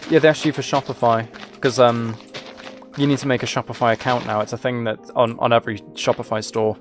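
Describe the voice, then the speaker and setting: Soft background music plays under a man's fairly quick, mid-range voice with fairly even intonation. He's livestreaming a game, chatting casually and thinking through things aloud as he goes.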